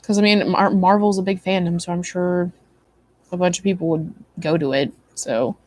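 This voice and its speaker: A woman's voice: on the low side, steady tone, moderate pace, darkish tone, no room sound. A tired young woman chatting casually with her stream viewers, rambling with many likes and ums. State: tired, yawning. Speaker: livestream host.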